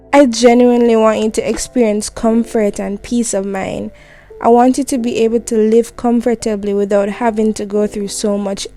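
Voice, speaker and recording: Speaking in a mid-range voice, a woman leaves what feels like a heartfelt voicemail: soft, reassuring, and intimate, directed right at the listener.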